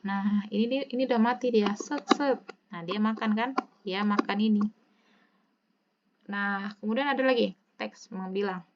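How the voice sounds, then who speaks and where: Indonesian teacher woman, casual and explanatory. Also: mid-range voice. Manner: stretches words slowly when demonstrating intonation; casual, chatty asides between explanations. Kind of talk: recorded online lecture. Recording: slightly dull lo-fi audio.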